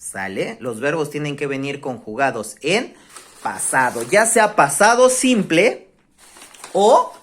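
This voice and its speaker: Lively, low-voiced Mexican woman teaching a class. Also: slow pace. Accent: Mexican Spanish. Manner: animated, keeps checking in with the class. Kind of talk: online class lesson on grammar.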